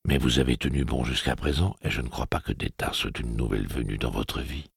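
A stern, weary gunslinger speaks slowly and softly in a very deep, gravelly voice, as a man reads him. Each word is measured and cold, with a husky edge. The recording is dry and close. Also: fairly even intonation, no room sound, heavily acted. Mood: cold resolve. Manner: slow, low, velvety and measured.

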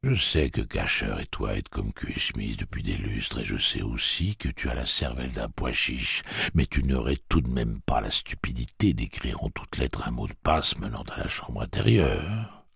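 A man voicing a soft-spoken, menacing male gang leader who talks quietly and silkily. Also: very deep voice, animated, a little slow, creaky, husky, no echo, clean studio sound, heavily acted. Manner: quiet and silky.

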